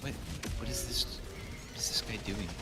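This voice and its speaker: A man's voice: fairly low pitch, moderate pace, over loud music. A man streaming a video game, chatting casually and rambling off into enthusiastic tangents. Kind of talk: casual gaming stream chat.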